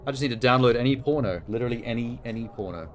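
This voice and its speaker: A man's voice: medium pitch, very fast. Irreverent man commentating casually on a game. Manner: irreverent, sweary. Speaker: game streamer. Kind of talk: casual joking playthrough commentary. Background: game music, keyboard typing.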